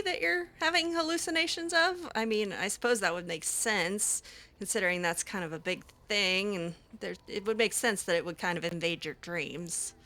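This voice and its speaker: In a medium-pitched voice that sounds pushed and bright, a woman roleplays over a video game. Her in-character chatter is casual, hesitant and wry, with many ums.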